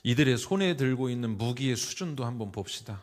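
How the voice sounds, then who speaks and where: Middle-aged man, pastor, church sermon, emphatic, rhetorical questions, loud bursts then quiet asides, mid-pitched voice. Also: lively intonation, brisk. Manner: swings between loud exclamations and quiet asides. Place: church sanctuary.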